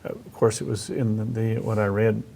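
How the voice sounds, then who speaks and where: A middle-aged man hosting a casual conversational interview, speaking haltingly as he thinks aloud and rephrases. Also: on the low side, steady tone, vocal fry, mellow, slight background noise. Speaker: host interviewing about reading aloud to children.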